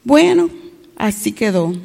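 A woman's voice: a little high, slow pace, vocal fry, long reverb tail. A woman telling a story to children, often stopping to ask them questions. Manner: asks the children questions, animated.

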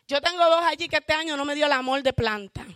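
Fervent high-voiced woman giving church testimony. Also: fast talker, no room sound, clean studio sound. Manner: fervent, interjects hallelujahs; self-described loud shouter.

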